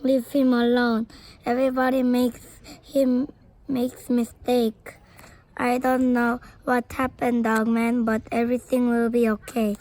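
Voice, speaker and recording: A woman's voice: a little high, flat delivery, unhurried, a little mellow, lightly acted, rough recording. A woman voicing a kind male police chief from a comic book, speaking reassuringly. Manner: soothing and reassuring.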